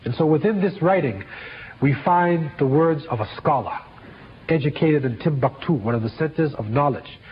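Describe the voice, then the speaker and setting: A man giving a history lecture in a measured, halting way, with many fillers and restarts. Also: a little high. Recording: dull lo-fi lecture recording with faint hiss.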